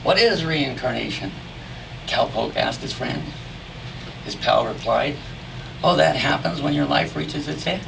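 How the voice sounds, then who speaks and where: Male cowboy poet, creaky voice, folksy rustic delivery with dramatic pauses, recorded from a distance in a noisy room. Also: medium pitch, animated. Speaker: cowboy poetry performer. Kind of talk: cowboy poetry recitation, drawn-out storytelling verse. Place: live poetry reading at a venue.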